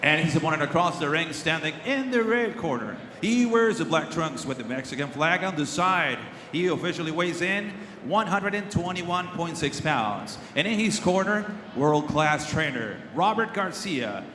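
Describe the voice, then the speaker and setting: A man's voice: on the high side, expressive, moderate pace, few pauses, a bit bright. A man working as a boxing ring announcer in a showy lucha libre announcer manner, drawing out and belting names over an echoey arena PA. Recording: echoey arena PA, background noise.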